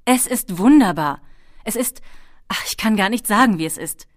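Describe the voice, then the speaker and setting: A woman's voice: medium pitch, lively intonation, quick pace, a little mellow, no echo, studio quality, voice pushed up, lightly acted. A woman voicing an earnest, insistent young boy in an audiobook. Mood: awed.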